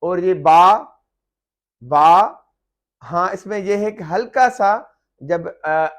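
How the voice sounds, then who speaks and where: A man teaching English silent letters, explaining slowly with frequent "uh" fillers and repeating example words loudly and carefully. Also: high voice. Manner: slow, deliberate explaining with many "uh" fillers.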